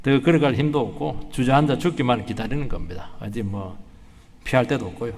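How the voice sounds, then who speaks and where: A man's voice: medium pitch, brisk, a little mellow, in a large hall, slight background noise. A man preaching a sermon as pastor, dramatic, acting out quoted voices and building to emphatic peaks. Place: church sanctuary.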